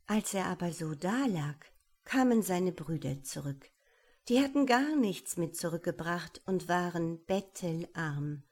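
A woman reading a fairy tale aloud in a calm, measured way. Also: on the low side.

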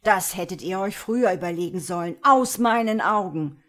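A woman's voice: low-pitched, fairly even intonation, measured pace, breathy edge, heavily acted. A woman voicing a ruthless male vampire prince who gives stern, threatening orders in an audiobook. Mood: roaring. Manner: stern, commanding, rising to shouting.

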